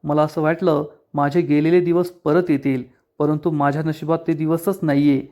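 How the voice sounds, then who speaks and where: A man's voice: on the high side, little pitch movement, normal speed, warm tone, natural voice. A man reading the lines of a sad, regretful father in a serial recap. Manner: regretful, heavy. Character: Yugandhar, sad regretful middle-aged father.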